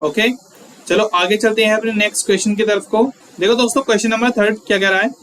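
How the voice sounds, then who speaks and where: A man's voice: high-pitched, steady tone, fast talker, fairly bright tone, a little hiss or hum, poor audio. A man teaching an exam-prep grammar lesson, explaining step by step, asking viewers questions and reading example sentences word by word.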